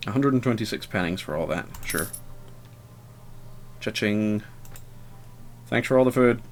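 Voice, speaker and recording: A man's voice: lowish voice, animated, fast talker, slight background noise. A man giving casual, rambling gameplay commentary, hesitant and full of fillers, with a wry, self-deprecating manner. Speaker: let's player.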